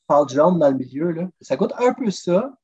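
With a slightly high, breathy-edged voice and a moderate pace, a Québécois man chats as a podcast guest in a casual interview. The drummer and food traveler eagerly explains recipes in a lively, talkative way and keeps saying "listen." It's recorded in dull lo-fi.

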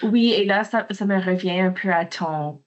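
A woman's voice: on the low side, normal speed, dull audio. A woman with a Québécois French accent hosting a casual podcast chat, searching for words as she goes. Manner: hesitant, searching for words, laughs easily.

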